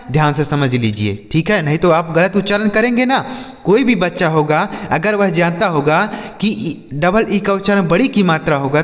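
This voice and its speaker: A man's voice: sits high, big-room sound. A man teaching English pronunciation in Hindi, spelling out words and quizzing his students with repeated questions. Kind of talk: spoken lesson on pronunciation.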